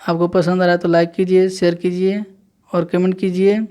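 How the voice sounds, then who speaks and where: A man's voice: sits high, monotone, moderate pace, dark tone, clean tone. A male teacher patiently giving a classroom lesson, counting numbers aloud one by one and repeating each step.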